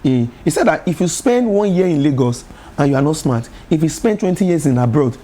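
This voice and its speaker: A Nigerian man with a Nigerian English accent, a gospel artist telling lively stories as a talk-show guest, often laughing and repeating words. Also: fairly high pitch, a little fast. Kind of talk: casual talk show conversation. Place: television studio.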